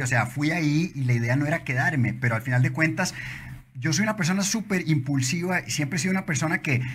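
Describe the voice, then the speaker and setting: A man in his forties from Costa Rica with a Costa Rican accent, a guest telling his story in a casual interview with impulsive, animated storytelling and frequent restarts, in an office lounge. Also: on the high side, slight background noise. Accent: Costa Rican Spanish. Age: 40s. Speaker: guest entrepreneur. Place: office lounge studio, indoors.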